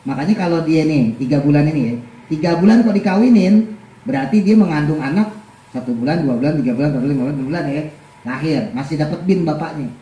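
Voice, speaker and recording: A man's voice: fairly high pitch, quick pace, echoey room, low-quality recording. A man teaching an Islamic study class, reading Arabic text aloud and explaining it with jokes. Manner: lively, joking, reads Arabic text then explains. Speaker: religious teacher. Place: study gathering hall.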